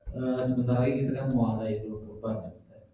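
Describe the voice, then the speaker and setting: Lowish-voiced guy asking questions politely, far off the mic, noisy roomy hall. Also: steady tone, fast, mellow. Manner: polite, hesitant, with fillers. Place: prayer room. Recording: distant, roomy, with background noise.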